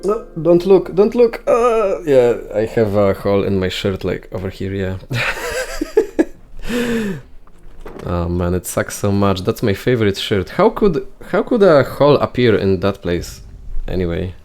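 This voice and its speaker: A young man giving casual gameplay commentary, thinking out loud in a rambling way and filling his talk with "like". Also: on the low side, wildly swooping pitch, a little slow. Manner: heavy use of "like" fillers.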